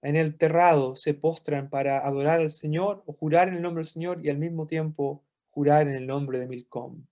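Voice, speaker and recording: A man's voice: a little high, fairly even intonation, normal speed, few pauses, dark tone. A man with a Chilean Spanish accent teaching a Bible study, explaining step by step and repeating phrases for emphasis.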